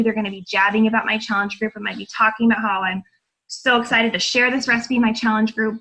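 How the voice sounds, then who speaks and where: A woman coaching new coaches on a call, chatty and encouraging, talking quickly with lots of fillers. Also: medium pitch, fairly bright tone, poor audio. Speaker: fitness coach. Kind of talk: coaching call, casual talk.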